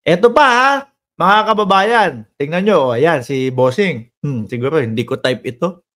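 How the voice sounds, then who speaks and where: A man giving casual, mocking political commentary, laughing often and jumping between loud chants and low asides. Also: expressive, normal speed.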